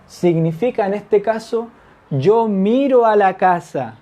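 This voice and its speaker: Slow, patient teacher. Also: mid-range voice, dark tone. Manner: patient, checks understanding with frequent tag questions; repeats example phrases slowly. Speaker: Turkish language teacher. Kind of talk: whiteboard grammar lesson.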